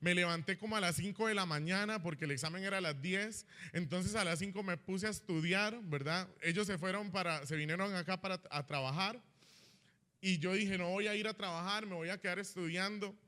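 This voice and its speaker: A young man telling his personal testimony in church as an animated storyteller who keeps asking "¿verdad?". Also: high-pitched, a little fast. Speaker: church member giving a testimony. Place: church hall.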